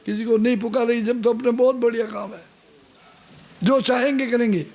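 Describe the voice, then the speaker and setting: A rough, menacing thief who talks bluntly and coarsely, as a male preacher voices him. The voice sits very high for a man. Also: steady tone, normal speed, a little mellow. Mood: threatening.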